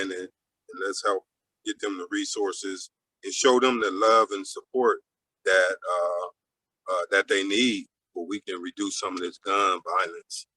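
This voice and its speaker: Halting man with a bright voice. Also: deep voice, no echo, rough recording. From Ohio. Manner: filler-heavy, halting. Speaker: community organizer. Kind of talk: casual panel talk.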